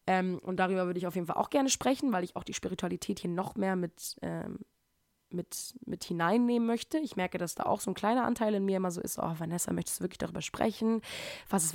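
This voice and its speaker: A woman's voice: medium pitch, no echo, studio quality. A young woman talking casually and emphatically about her own life, full of slang. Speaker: podcast host. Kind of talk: casual personal monologue.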